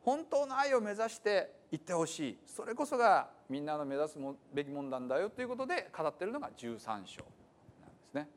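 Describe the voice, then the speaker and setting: A man preaching a sermon as pastor, explaining scripture with many pauses and fillers and then stressing key points with emphasis. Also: a little high, sing-song. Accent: Hiroshima dialect in the reading. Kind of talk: sermon with scripture reading in dialect.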